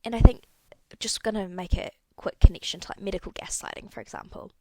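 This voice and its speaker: A woman's voice: mid-range voice, fairly even intonation, quick pace, mellow, dry recording. A young woman hosting a solo podcast, talking candidly and rambling a little, correcting herself as she goes. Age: young adult. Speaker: podcast host. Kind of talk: casual solo podcast talk.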